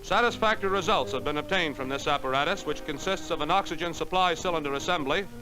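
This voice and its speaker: High-voiced man narrating an old newsreel. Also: over music. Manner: crisp, measured announcer delivery. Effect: old newsreel soundtrack. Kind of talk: 1940s wartime newsreel narration. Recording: noisy archival film soundtrack.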